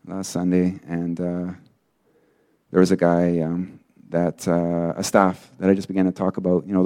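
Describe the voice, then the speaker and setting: A man preaching in a casual storytelling way, full of fillers, acting out the people he quotes. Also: deep voice. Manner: acts out quoted people in lively bursts. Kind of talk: sermon testimony.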